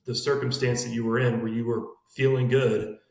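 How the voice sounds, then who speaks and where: A man talking fast in a casual team podcast chat, recorded in an emptied room with an echo. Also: mid-range voice, flat delivery, darkish tone. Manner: talks fast in long run-on thoughts. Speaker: sales team member. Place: room emptied out with bare walls. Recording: echoey bare room.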